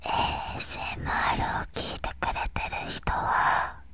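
Young female, breathy whisper, ASMR, very slow, gentle, reassuring, close binaural mic. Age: young adult. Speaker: ASMR host. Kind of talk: whispered ASMR, soothing personal address. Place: small bedroom, lying on a bed. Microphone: binaural ear microphone, held right at the mouth.

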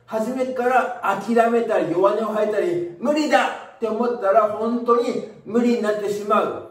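A man with a very high, light voice gives an energetic motivational talk and hammers his points home by repeating them. He sounds far from the mic, in a strongly echoing room. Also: measured pace. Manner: energetic, emphatic, repeats phrases. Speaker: motivational video host. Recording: echoey room, distant from the mic.

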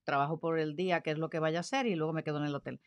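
Host type, woman storyteller, animated and expressive, bit of a cough, dry close sound. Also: low-pitched, rapid-fire, no room sound. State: slight allergic cough. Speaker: podcast host. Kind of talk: conversational storytelling.

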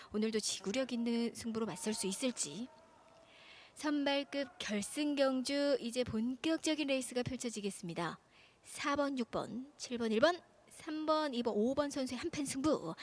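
A woman's voice: sits high, a little hiss or hum. A woman commentating on a race as it unfolds. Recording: loud music behind the voice. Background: loud music.

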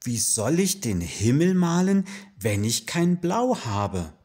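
A man's voice: on the high side, big pitch swings, slow, darkish tone, exaggerated voice. A man voicing an eager, imaginative little schoolgirl in a storybook, playfully and emphatically, as read to a toddler. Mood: puzzled.

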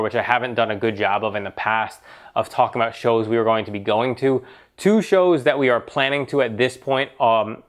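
Male host, mid-pitched, nasal from a lingering cold, casual conversational Q&A delivery with plenty of fillers and restarts. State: nasal from getting over a cold. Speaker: show host answering car questions. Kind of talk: casual talk-show Q&A.

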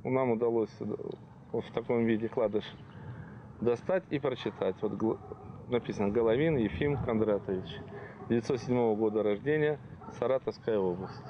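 A middle-aged man explains in an outdoor interview. His pitch is average, the sound slightly dull, with clear noise behind. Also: moderate pace. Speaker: search expedition interviewee. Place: open dig site, outdoors. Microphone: handheld reporter's mic. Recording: noisy, dull outdoor recording.

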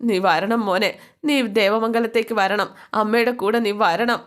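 Lady voicing a crying old mom begging her son, high and pleading. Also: fairly even intonation, unhurried, natural voice. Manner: pleading, emotional. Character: tearful pleading older mother.

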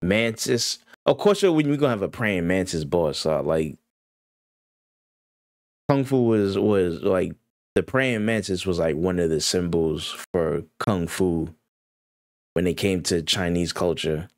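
A man casually reacting to a game trailer, excited and slangy, rambling with frequent restarts. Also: low-pitched, measured pace, dry recording, studio quality. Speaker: gaming YouTuber reacting to a trailer.

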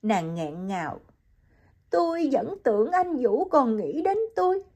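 A woman's voice: sing-song, unhurried, a little mellow. A woman voicing a heartbroken young mother in an audiobook, speaking in a choked, pleading way. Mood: distraught. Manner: choked, pleading and high-pitched.

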